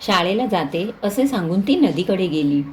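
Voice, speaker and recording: A woman reads a children's school lesson aloud for students. Her reading is clear and steady, paced for young learners. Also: mid-range voice, moderate pace. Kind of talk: reading a textbook story aloud.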